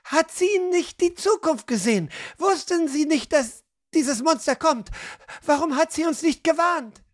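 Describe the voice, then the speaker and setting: A woman reading an audiobook, voicing frightened villagers who shout anxious questions in much higher voices. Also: very animated, exaggerated voice. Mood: fearful. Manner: anxious, pleading rapid questions. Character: frightened villagers, high shrill crowd voices.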